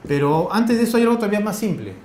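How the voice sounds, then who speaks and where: A man with a Peruvian accent giving a classroom lecture, firing quick questions at his students in a colloquial way. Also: high voice, very animated, darkish tone, slight background noise. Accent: Peruvian Spanish. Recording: echoey classroom.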